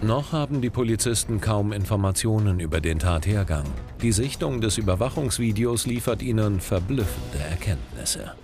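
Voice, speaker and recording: A man's voice: lowish voice, animated, moderate pace, few pauses. A man reading scripted television narration as the programme's narrator. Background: music.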